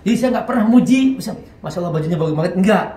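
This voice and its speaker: Animated man telling heartfelt stories. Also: sits high, very fast, distant mic. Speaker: guest. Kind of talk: emotional storytelling. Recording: echoey room, off the mic.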